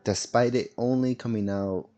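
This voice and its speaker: While streaming a game from a laptop setup, a man with a mid-range, dark-toned voice chats casually at normal speed with fairly even intonation. He rambles, using plenty of fillers and correcting himself. The highs are cut off, and soft music plays underneath.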